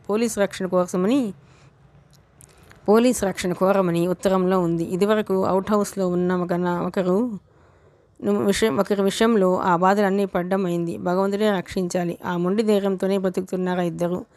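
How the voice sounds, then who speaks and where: A female audiobook narrator reads a novel aloud in a steady, measured storytelling style. Her voice is mid-range, and there's no echo.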